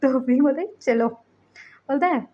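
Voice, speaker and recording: A woman's voice: on the high side, steady tone, moderate pace, dull audio. A young woman casually retelling a fan fiction story in a chatty, conversational way, full of fillers.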